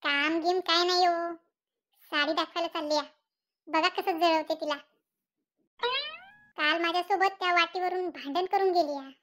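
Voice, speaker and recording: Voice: very high-pitched, fairly even intonation, normal speed, long pauses, a bit bright. A performer voicing a boastful, bossy middle-aged village wife in a cartoon comedy. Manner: bossy, showing off. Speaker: Kamalbai, housewife.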